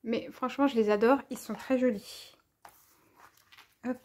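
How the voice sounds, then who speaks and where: A woman's voice: on the high side, steady tone, a little slow, a little mellow. A French woman showing off craft paper and stickers in a casual, enthusiastic haul video, gushing over each item. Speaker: crafting vlogger.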